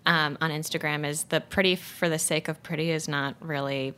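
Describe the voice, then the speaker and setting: Chicago woman in her 30s, casual and chatty, talks fast with lots of ums, lowish voice. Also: fairly even intonation, sharp tone, a little hiss or hum. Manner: quick, chatty, lots of fillers. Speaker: guest, social media consultant. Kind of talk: casual interview chat.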